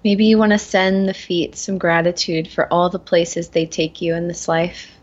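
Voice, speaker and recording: A woman leading a guided meditation in a gentle, soothing manner, slowly and with long pauses. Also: on the low side, level tone, highs cut off. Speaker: guest guiding a meditation.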